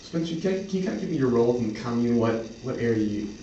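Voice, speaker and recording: A man improvising a sales pitch as a representative, speaking in an earnest, accommodating and halting way. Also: expressive, dark tone, dull audio. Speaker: clinic representative in an improvised role-play. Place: echoey room, mic at a distance. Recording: roomy, distant mic, faint noise.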